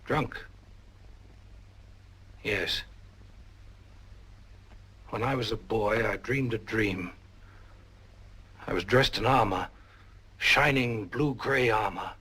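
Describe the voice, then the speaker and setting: A power-hungry villain, speaks in a husky voice. He is brooding and grandiose, in the style of a 1940s film. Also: on the low side, slow, long pauses, sharp tone, exaggerated voice.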